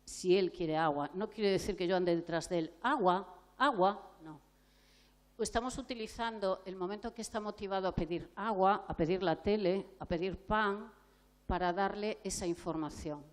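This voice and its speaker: A woman's voice: mid-range voice, moderate pace, a little mellow. A woman clinical psychologist from gives a conference lecture, explaining points and asking the audience rhetorical questions. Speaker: clinical psychologist giving a talk.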